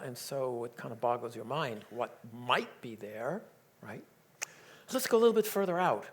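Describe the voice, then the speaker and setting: A man giving a public science talk, enthusiastic and joking, with frequent hesitations. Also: mid-range voice. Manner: enthusiastic, joking, with many fillers. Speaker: lecturer.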